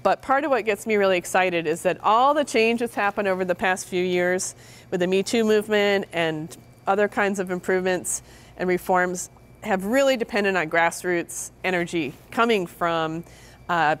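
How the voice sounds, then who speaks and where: A woman's voice: on the low side, moderate pace, clean tone. A middle-aged woman giving a public lecture to parents on child safety, earnest and stressing key words by repeating them. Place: meeting room with audience.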